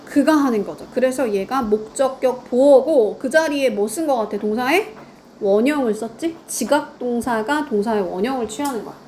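A woman's voice: a little high, normal speed, darkish tone, a little hiss or hum. A woman teaching grammar in a lecture, quizzing her students and answering her own questions.

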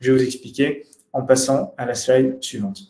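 Young male webinar presenter, mid-pitched, halting delivery full of fillers, roomy webcam sound. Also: mellow. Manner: hesitant, many fillers and restarts. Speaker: conference speaker. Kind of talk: webinar presentation over slides. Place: indoor room. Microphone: webcam video call.

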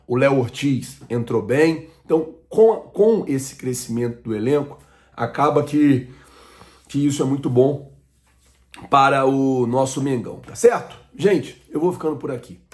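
A man in his thirties, from Brazil, hosts a casual football fan vlog at a middle pitch. He rambles and circles back on his points, with plenty of fillers. He is recorded close to a webcam in a small home room. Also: a little mellow. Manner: rambling, repeats himself, many fillers. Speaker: football channel host.

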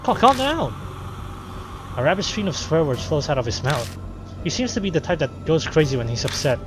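Game streamer, male, animated, swears a lot; game music in the background. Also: a little high, fast, rough recording. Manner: excitable, swears often, voices lines. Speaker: game player reading dialogue aloud. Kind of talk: playthrough narration with reactions.

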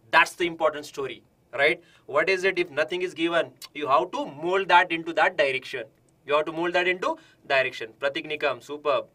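An Indian-accented man teaches an exam-prep class live online. His voice sits a little high and has a bright, forceful edge. He works through problems aloud in an encouraging way, repeating key phrases and putting questions to his students. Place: indoor studio in front of digital board.

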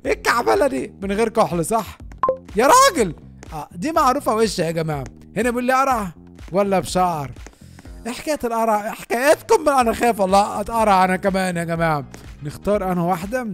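An Egyptian gaming YouTuber with an Egyptian Arabic accent fires off commentary at a quick clip, talking straight to his viewers. His expressive voice leaps up and down in pitch as he reacts, with faint music underneath.

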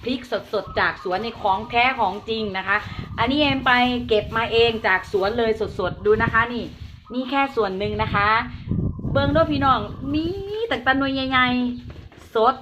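A woman with an Isan accent doing hyped, chatty live-seller patter, repeating her pitch and addressing viewers in a folksy way. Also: moderate pace, muffled recording, noisy background. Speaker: live-stream seller of chillies and farm produce.

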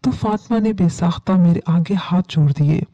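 A woman narrating a first-person horror story as a storyteller, reading calmly and earnestly. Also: lowish voice, no room sound. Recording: dull lo-fi dry recording.

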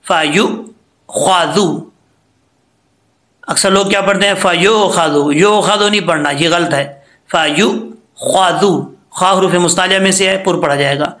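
A man teaching recitation rules patiently, step by step, and chanting slow examples. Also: fairly high pitch, sharp tone. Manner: patient, explains step by step, then chants slowly. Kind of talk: tajweed lesson with recited examples.

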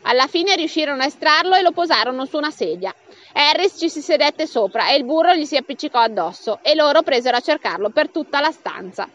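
Woman reading an audiobook, high animated voice, bit dull and lo-fi. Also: a little fast. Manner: lively, acts out the dialogue with raised pitch. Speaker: audiobook reader.

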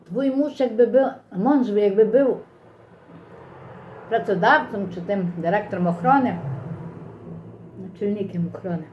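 A woman's voice: medium pitch, a little slow, long pauses, muffled recording, slight background noise. A middle-aged or older woman with a Ukrainian accent and slurred, toothless articulation, chatting casually and folksily to viewers in a rambling eating vlog. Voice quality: slurred articulation from missing teeth.

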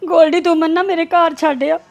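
A hurt married daughter, played by a woman, complains through tears. Her voice is very high and aggrieved, in a homemade family drama. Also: fairly even intonation, a little fast, gravelly, darkish tone, faint music behind. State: crying.

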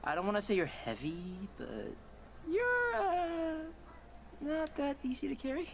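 A man's voice: very high-pitched, huge pitch swings, measured pace, creaky, noisy background, full character voice. An actor playing an awkward, apologetic young man in a video game, hesitant and stammering. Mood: flustered.

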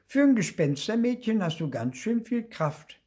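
A man's voice: sits high, moderate pace, slightly rough, pitched above the performer's own voice, full character voice. An older man reading aloud and voicing an eager, curious young boy ghost. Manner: eager, excited questions.

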